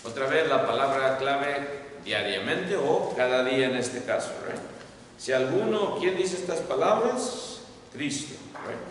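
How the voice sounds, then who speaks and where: A man's voice: medium pitch, expressive, unhurried. A man teaching a Bible class, asking the class questions and repeating his points in English. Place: church hall. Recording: echoey hall, far from mic, faint noise.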